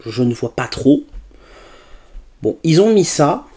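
A man's voice: fairly high pitch, big pitch swings, slow pace, warm tone, breathy edge. A man doing a chatty product unboxing as a tech reviewer, tossing in little interjections and hesitations as he goes. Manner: chatty, with frequent "hop" and hesitations.

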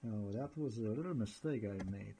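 A man with a husky, breathy voice talks through a screen recording. He rambles excitedly and narrates each step as he clicks through files. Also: fairly low pitch, normal speed, rough recording. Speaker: vlogger.

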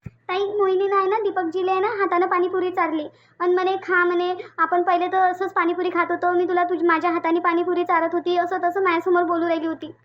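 A hurt, sulky young wife. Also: female voice, extremely high pitch, level tone, quick pace, muffled recording. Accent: Vidarbha Marathi (Varhadi). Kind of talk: cartoon voice acting.

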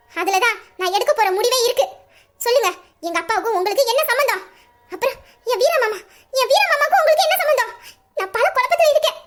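Woman playing a tearful young bride-to-be, very high. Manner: pleading, voice breaking into sobs. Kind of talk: Tamil audio drama acting.

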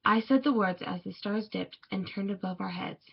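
A woman reads a children's picture book aloud in a measured, expressive way. Her voice is husky with gravelly fry. The recording sounds dull and lo-fi. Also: medium pitch. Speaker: storybook reader.

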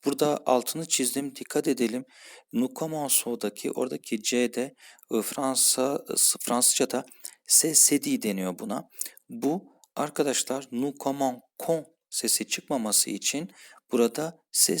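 A man teaching French grammar, patiently saying each verb form and then its translation. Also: mid-range voice. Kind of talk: explaining French grammar for a Turkish-speaking class.

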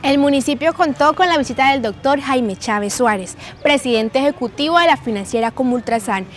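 High-voiced woman reading local news. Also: animated, fairly quick, faint music behind. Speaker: news reporter. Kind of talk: read news narration.

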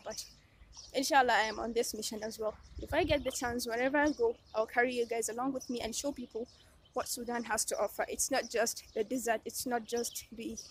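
A woman's voice: fairly high pitch, slight background noise. A young woman, talking to camera as a travel vlogger in a chatty, rambling way. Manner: chatty and rambling, many restarts and fillers. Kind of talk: casual vlog talk to camera.

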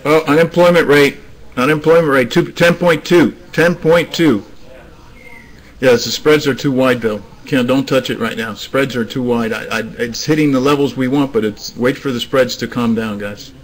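Man giving halting live trading commentary. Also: medium pitch, steady tone, rough recording. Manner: hesitant, restarts, coaxing the screen. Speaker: forex trading room host. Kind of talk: live market commentary to traders. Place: trading room, screen recording.

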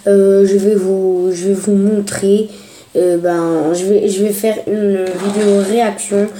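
A woman opening a casual reaction video, stumbling through it with many fillers. Her voice is mellow and monotone, and it bounces around an echoey room. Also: mid-range voice. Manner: hesitant, halting, full of fillers. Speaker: video creator.

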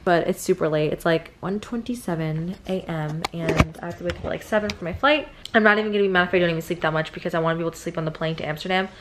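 Excitable, rambling young woman vlogging. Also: fairly low pitch, racing, few pauses. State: congested with sniffles. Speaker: travel vlogger. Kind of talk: casual vlog chat. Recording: noisy phone vlog audio.

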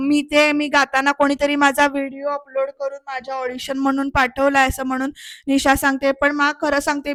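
Her voice sits high and fairly bright, with no echo on the recording. This Marathi-accented reviewer recaps a TV serial episode for her audience, talking to them directly in a chatty way and lightly acting out the dialogue she repeats.

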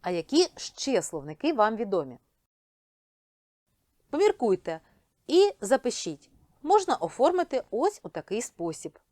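Lively-voiced woman teacher in a video lesson. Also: fairly high pitch, measured pace, pauses often, no echo, clean studio sound. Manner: clear, instructive, addressing students directly.

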